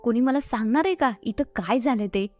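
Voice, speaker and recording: A woman's voice: on the high side, a little fast, a little mellow, soft background music, lightly acted. A woman voicing a stern, commanding older mother-in-law who questions and lectures.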